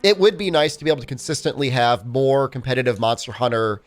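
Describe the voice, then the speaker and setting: A medium-pitched young man talks fast as he streams speedruns, casually chatting while playing. A cold has made his voice phlegmy. He rambles, leaning constantly on "like" and "I mean."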